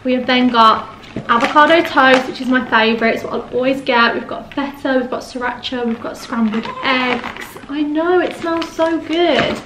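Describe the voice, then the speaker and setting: Young woman vlogging a mukbang, a bit high voice, roomy echo, chatty and gushing. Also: normal speed. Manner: chatty, gushing about food, talking while eating. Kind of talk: casual mukbang chat to camera. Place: home living room, sitting on the floor. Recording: echoey room, faint background noise.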